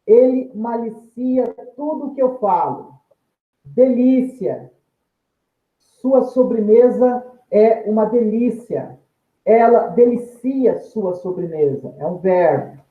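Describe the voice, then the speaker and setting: A man's voice: sits high, slow. A male teacher, giving a recorded grammar lesson in a methodical way, restating each term with synonyms and drawing out example words. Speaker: Portuguese teacher. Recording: echoey room, tinny phone-like sound.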